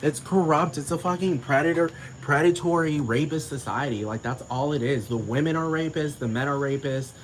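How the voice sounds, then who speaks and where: A man's voice: a little high, moderate pace, hardly any pauses, a little hiss or hum, rough recording. Man in a profane, heated rant. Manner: profane, repetitive, heated ranting. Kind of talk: casual rant to camera.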